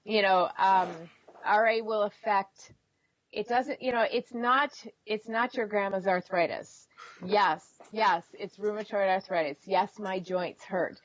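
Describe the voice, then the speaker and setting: A middle-aged woman telling personal stories candidly in an expressive, conversational way, as an interview guest. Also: mid-range voice, a little slow, dull audio. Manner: expressive, acts out reported dialogue.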